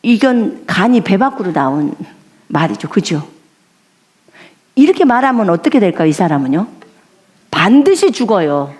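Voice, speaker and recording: A woman's voice: mid-range voice, sing-song, moderate pace, long pauses, darkish tone. A woman missionary preaching a sermon in an emphatic way, repeating her key lines for weight.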